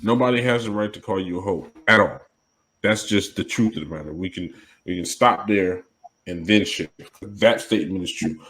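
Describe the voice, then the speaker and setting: A man's voice: low-pitched, moderate pace, a bit bright, breathy edge, poor audio. A man co-hosting a podcast, talking in a casual, emphatic way and often checking in with "you know what I mean". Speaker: podcast co-host. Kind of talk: casual discussion.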